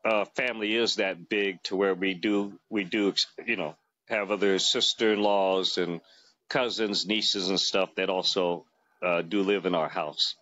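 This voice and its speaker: A man in his fifties, a guest in a casual interview, rambles with lots of fillers and restarts, caught on a phone camera held close to his face in a small room. His low voice stays fairly even and a little slow, sounding pushed and bright. There's no room sound, and the highs are cut off.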